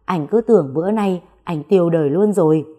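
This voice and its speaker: Low mellow woman narrating a story. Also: a little fast, slightly rough. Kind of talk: scripted audio story narration.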